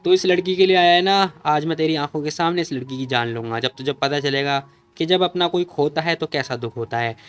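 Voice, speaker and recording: Brief: man voicing an enraged clan patriarch, loud, high and quick in storybook recap. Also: clean tone, soft background music, lightly acted. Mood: menacing. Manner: shouting threats. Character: furious vengeful male clan head.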